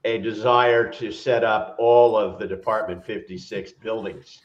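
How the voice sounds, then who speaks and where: A man's voice: fairly low pitch, fairly even intonation, a little slow. A man in casual chat on a video call, rambling along in an easygoing, self-deprecating way. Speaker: regular panelist on a livestream. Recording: roomy, dull lo-fi call audio.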